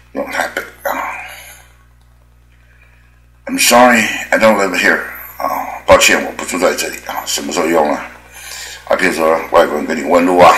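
Very deep-voiced man teaching, echoey room. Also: sharp tone. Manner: chatty, many drawn-out filler particles. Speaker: English teacher. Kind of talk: spoken language lesson.

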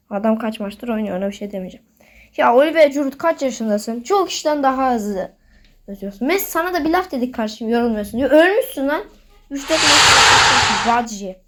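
A woman giving casual commentary while playing a football manager game, getting worked up and scolding the players on screen as she talks to her viewers. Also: on the high side. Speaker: gaming video host.

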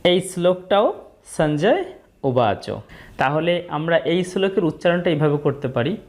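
A woman teaching the pronunciation of Sanskrit verses, speaking slowly and deliberately and chanting each verse. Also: fairly low pitch, animated, darkish tone. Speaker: scripture teacher.

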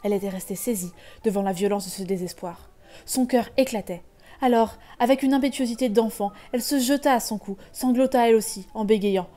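A woman giving an expressive dramatic reading from a classic novel. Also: fairly high pitch, a little fast. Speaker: reader.

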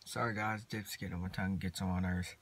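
A teenage boy, rambling casually to his phone camera from inside a parked truck, mumbling in a laid-back drawl with long pauses. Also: low-pitched, steady tone, fairly bright tone, breathy edge. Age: teens. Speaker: vlogger. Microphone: phone camera at arm's length.

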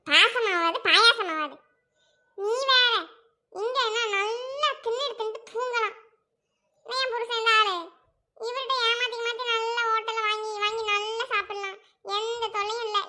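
Woman, wife in a family comedy sketch, whiny, dramatic, very high pitch, bright tone. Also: steady tone, normal speed. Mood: scheming.

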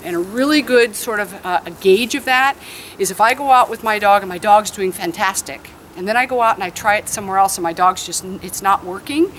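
Lady dog trainer talking thru the steps outside on the grass, middle pitch, noisy outdoor audio. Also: fairly bright tone. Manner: practical, explains step by step. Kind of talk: instructional explanation. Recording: outdoor background noise.

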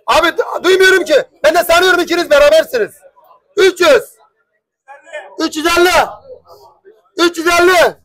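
A young man runs a pigeon auction, calling out prices again and again in a very high, bright voice. His delivery is slow and drawn out, and his throat sounds strained from hours of shouting. He keeps pushing the bidders and begging the room to quiet down. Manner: loud, repetitive price calling, pleading for quiet. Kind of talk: calling bids at a live auction.

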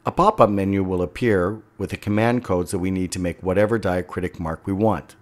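A man with a very low voice walks through a software tutorial one step at a time. He speaks as an instructor over a screen recording, giving plain, steady directions. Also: a little fast.

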